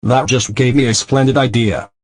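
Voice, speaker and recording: A man's voice: medium pitch, fairly even intonation, normal speed, natural voice. A man voicing a delinquent cartoon car, a scheming troublemaker who stiffly narrates his own plans. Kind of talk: scripted cartoon monologue.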